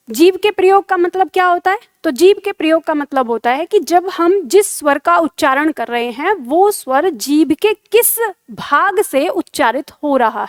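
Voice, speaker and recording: Woman teacher, high voice, dry sound, keeps quizzing then answering herself, gets you to say sounds out loud. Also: no room sound. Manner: explains with questions she answers herself; has students say sounds aloud. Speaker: Hindi grammar teacher. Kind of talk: classroom lecture.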